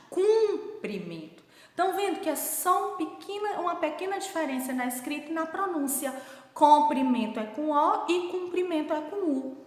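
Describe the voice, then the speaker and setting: Woman, children's grammar teacher, deliberate and repetitive, reverberant room. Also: fairly high pitch, fairly bright tone. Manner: slow and deliberate, repeats points, asks the class to repeat after her. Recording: echoey room with long reverb.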